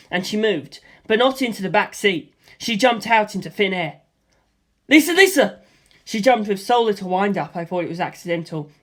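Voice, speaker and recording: An audiobook reader narrates an adventure story in the first person, taking the scenes one after another in a steady, plain manner. The pitch is ordinary and middling, and the delivery stays even and unhurried throughout.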